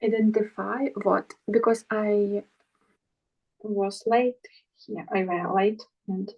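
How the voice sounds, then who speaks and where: A woman student in an online English class, reading words aloud slowly and hesitantly over a video call. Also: mid-range voice, steady tone. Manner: slow, hesitant, careful. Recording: dull lo-fi video call audio.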